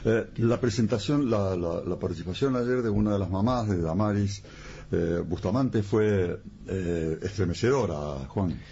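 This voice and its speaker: A man hosting a radio news show, speaking haltingly with many fillers. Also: fairly low pitch, warm tone. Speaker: radio host. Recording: muffled radio audio with faint noise.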